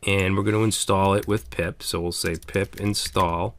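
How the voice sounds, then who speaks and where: A man, slightly hoarse, casually explaining a programming tutorial step by step, with frequent "okay" and "all right". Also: low voice, steady tone, moderate pace. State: slightly hoarse, losing his voice. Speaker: programming instructor. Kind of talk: screencast coding tutorial.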